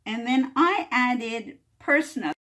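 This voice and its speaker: A woman's voice: fairly high pitch, expressive, a little slow, a bit bright. A woman hosting a home cooking video, explaining a recipe in a casual, chatty way and often checking in with "all right?". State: coughing a little from chili fumes. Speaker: cooking channel host. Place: home kitchen.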